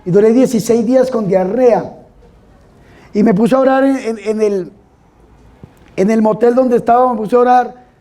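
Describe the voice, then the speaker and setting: High-voiced Colombian priest giving testimony. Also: male voice, normal speed, pauses often, dark tone. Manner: emphatic storytelling, repeatedly urging listeners to pay attention. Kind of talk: testimony talk to a live audience. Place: event hall with an audience.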